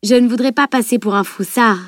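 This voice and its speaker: A woman's voice: a little high, fairly quick, no room sound, clean studio sound, natural voice. A woman reading an audiobook, voicing an earnest, modest young male art student who is unsure but brave.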